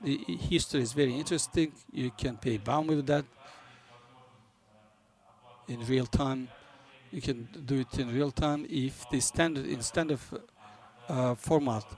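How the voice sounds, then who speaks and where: A man who is not a native English speaker gives a business conference presentation, halting as he searches for words. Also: medium pitch, a little mellow. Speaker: conference presenter for a banking software company.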